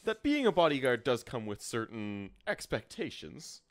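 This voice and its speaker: A man's voice: medium pitch, normal speed. A man playing a tabletop game, slipping into a polite in-character manner. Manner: lively, slips into polite in-character speech. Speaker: player. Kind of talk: tabletop role-play chat.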